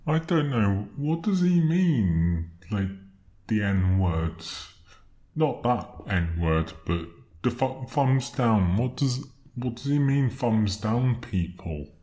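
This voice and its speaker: A man on a comic podcast, speaking through a slowed-down, deepened voice effect, fussy and literal-minded in his earnest banter. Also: animated, warm tone. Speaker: podcast co-host.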